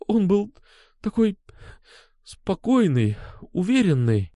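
A man narrating an audiobook gives a full character voice to a frightened young woman who pleads through her tears, pitching himself above his natural voice. The delivery is high, slow, and warm, with wide pitch swings and a tearful, pleading quality. The recording is dry and clean, studio quality.

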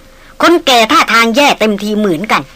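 A woman voicing a bold, frank young woman in a spoken novel reading, brisk and teasing. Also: medium pitch, big pitch swings, bright, forceful tone.

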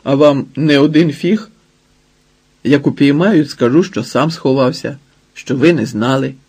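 A man's voice: mid-range voice, a little slow, darkish tone, slightly rough. A man voicing a bold, cocky young giant of a man who bargains coolly and brashly, in an audiobook. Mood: pushing. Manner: brash, cool-headed bargaining.

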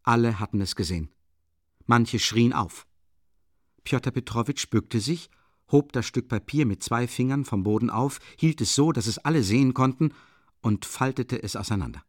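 A man's voice: medium pitch, normal speed, no room sound. Male audiobook narrator, dramatic, wide melodic range, dry close sound. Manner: expressive, dramatic. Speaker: audiobook reader.

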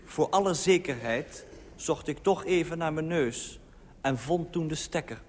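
A man reading his own comic first-person story, lively, acting out the people he quotes. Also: fairly high pitch, a little slow. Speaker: humorous columnist reading his own piece. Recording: old radio recording with long reverb and faint hiss.

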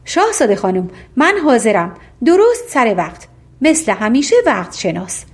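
A woman's voice: fairly high pitch, big pitch swings. A woman reading as a proud, clever but ugly fairy-tale suitor who speaks steadily and insists on a promise. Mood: assured.

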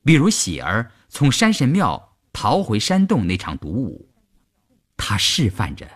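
A man reads a long novel aloud as a radio storyteller. His pitch sits in the middle of the male range, but it moves very freely as he tells the tale. The delivery is expressive, well suited to a story broadcast. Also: a little slow, breathy edge. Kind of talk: scripted long-form story narration.

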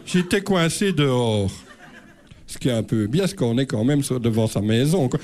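A man's voice: mid-range voice, animated, moderate pace, a little mellow, slight background noise. A middle-aged man telling a rambling, self-mocking comic story on stage. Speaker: comedian. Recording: live show with audience laughter.

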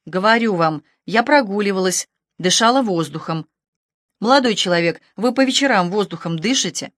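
A haughty, sharp-tongued rich woman, voiced by a female audiobook reader, scolding the police with imperious sarcasm. Her voice sits at a middling pitch. The sound is dry and close, with no room around it. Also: animated, normal speed, dry recording, close to an everyday voice. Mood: imperious, sarcastic.

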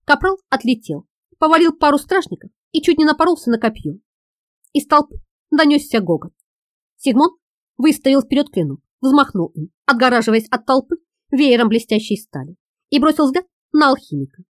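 A woman narrating an audiobook in a lively, expressive reading. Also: high voice, normal speed, no room sound, clean studio sound.

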